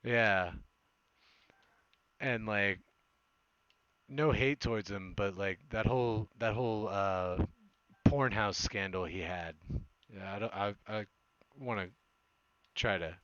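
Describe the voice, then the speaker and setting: A man's voice: lowish voice, slow, pauses often, fairly bright tone, no echo, dull audio. A man chatting casually as he streams gameplay, rambling and hesitant, with a self-deprecating manner and a smoker's voice. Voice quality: smoker's voice with occasional cough. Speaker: game streamer. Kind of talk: casual live gameplay chat.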